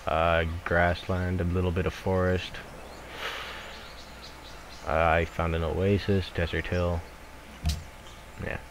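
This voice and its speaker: Deep-voiced young man thinking aloud over voice chat. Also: flat delivery, takes it slowly, pauses often. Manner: hesitant, thinking aloud with fillers. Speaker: multiplayer gamer. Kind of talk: casual game chat. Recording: voice chat with clear background noise.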